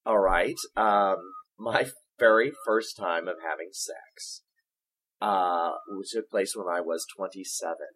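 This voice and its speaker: Husky-voiced campy man. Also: slow pace, a bit bright, poor audio. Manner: campy, teasing, puts on a low sexy voice. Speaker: podcast co-host. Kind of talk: comedic casual chat.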